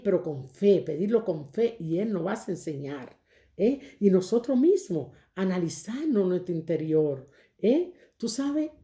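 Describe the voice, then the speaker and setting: A middle-aged woman with a Dominican accent gives informal Bible advice, repeating phrases, drawing out key words slowly and tagging questions onto her sentences. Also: lowish voice, warm tone, echoey room. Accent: Dominican Spanish. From Dominican Republic. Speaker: Bible teacher.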